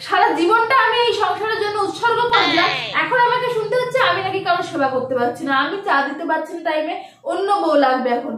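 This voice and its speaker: A woman's voice: very high-pitched, fast talker, crowd noise. A woman playing an angry, overworked middle-aged housewife who scolds shrilly and complains in a sing-song voice, recorded in an echoey room. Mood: lamenting. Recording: echoey room, distant mic, noisy.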